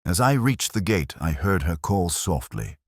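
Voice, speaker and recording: A man playing a brooding, erudite middle-aged police inspector, narrating his case in a measured, literary, melancholy way. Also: low voice, sing-song, breathy edge, no room sound, clean studio sound, full character voice. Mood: brooding, reflective. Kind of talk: scripted first-person detective narration.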